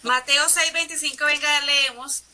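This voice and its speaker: Woman in a study group, high and very bright voice, unsure and thinking aloud. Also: fairly even intonation, moderate pace. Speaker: Bible study participant. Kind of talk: casual group chat.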